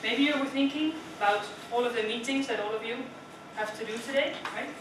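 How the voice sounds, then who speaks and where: Speaking briskly in a fairly high voice, this young woman from the Netherlands delivers a prepared club speech in a conversational way, throwing questions at her listeners and frequently adding "right?". It was captured from far off in an echoing meeting room with background noise.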